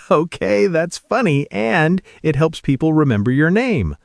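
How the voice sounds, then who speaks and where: Animated, comic American man. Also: on the high side, a little slow, vocal fry, dry recording, studio quality. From United States. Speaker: learner in a lesson dialogue. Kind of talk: scripted conversation lesson.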